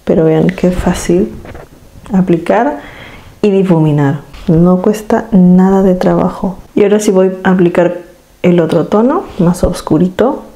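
A woman speaks in a soft, mellow voice that sits a little low for a woman. She chats casually to her viewers from home while doing her makeup, steadily describing each step as she goes. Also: a little slow. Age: adult. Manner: chatty, demonstrative, addresses viewers directly. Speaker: beauty vlogger.

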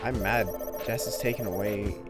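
Giggly man reading a game aloud over loud music. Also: fairly low pitch, fairly even intonation, normal speed. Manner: laughs often, breaks into giggling commentary. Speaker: let's play host. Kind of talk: reading a visual novel aloud with commentary.

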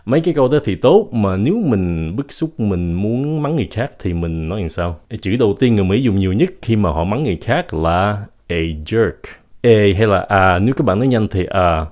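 Lively man teaching. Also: lowish voice. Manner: lively, spells out English sounds slowly. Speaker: English teacher. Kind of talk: language lesson.

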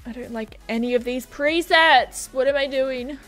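Playing a horse game on stream, a young woman talks casually with her viewers from a home gaming room, wearing a headset and reading their messages aloud. Her voice sits high and a bit bright, at a moderate pace, with soft music in the background.

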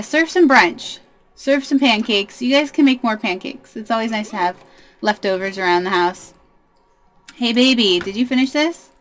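A woman's voice: a little high, fairly bright tone. A young woman hosting a life-sim let's play, chatting casually and talking to her game characters in a bubbly way. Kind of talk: casual gameplay commentary.

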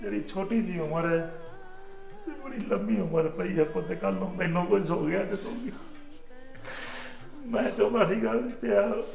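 An older man playing a village father-in-law in a family short film, emotional with his daughter-in-law and loud when he scolds. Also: sits high, moderate pace, creaky, roomy sound, faint music behind. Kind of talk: rural family drama acting.

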